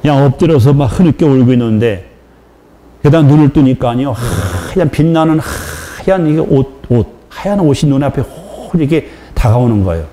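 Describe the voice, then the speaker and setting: Mellow-voiced male pastor preaching a testimony. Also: mid-range voice, expressive, moderate pace. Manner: emotional storytelling with acted dialogue, rising to near-shouting. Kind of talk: sermon with personal testimony.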